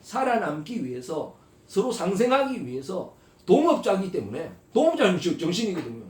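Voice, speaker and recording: A high-pitched male pastor with a very lively voice that leaps up and down as he preaches. He keeps throwing rhetorical questions at the congregation, drops to soft asides and then rises to loud, emphatic calls. He is heard from some distance in an echoey church sanctuary. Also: a little fast. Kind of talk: sermon. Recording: echoey hall, voice from far off.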